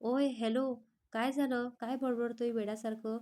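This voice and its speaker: A woman's voice: on the high side, level tone, normal speed, warm tone, natural voice. A woman reading as a cheeky playful girl. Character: young woman, playful, innocent, cheeky patient.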